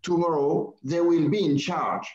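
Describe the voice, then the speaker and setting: A man with a French accent addresses a conference in a formal, measured way, his voice sitting a little high for a man. The sound is roomy and echoey, with a dull, muffled band. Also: steady tone, darkish tone. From France. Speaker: conference speaker.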